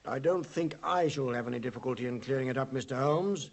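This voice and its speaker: An actor playing a stern, dogged police inspector in a 1950s radio drama, blunt, official and grudgingly deferential. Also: male voice, medium pitch, fast, natural voice. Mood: stern, insistent. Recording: slightly muffled vintage 1950s radio recording.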